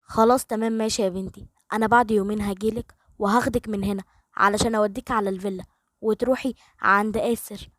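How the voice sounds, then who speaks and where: A woman's voice: mid-range voice, steady tone, fast talker, a bit bright, dry recording, lightly acted. A woman voicing a worried middle-aged father who coaxes earnestly, with an Egyptian Arabic accent. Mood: pleading. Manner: coaxing and earnest.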